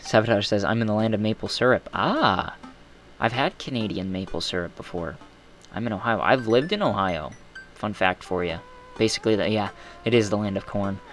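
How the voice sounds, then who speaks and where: A man's voice: fairly low pitch, animated, a little fast, a bit bright. A young man streaming a game, reading chat aloud and rambling in self-deprecating asides. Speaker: gaming streamer.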